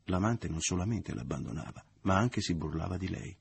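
A male narrator reads a novel in a measured, even audiobook style. His voice sits very low, with a strongly husky, rough texture. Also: dry recording.

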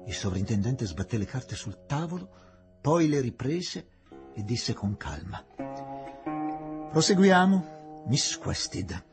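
A man narrating a novel in an expressive, dramatic reading. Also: mid-range voice, measured pace, over music. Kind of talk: audiobook narration.

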